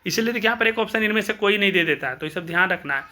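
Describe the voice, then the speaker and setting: A man's voice: high-pitched, lively intonation, very fast, pushed and bright. A man teaching exam questions, asking and answering his own questions and repeating key points.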